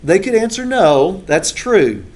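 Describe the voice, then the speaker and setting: A man's voice: sits high, big pitch swings, measured pace, a little mellow. A male instructor giving a classroom lecture in a conversational way, with frequent filler sounds, recorded in a classroom.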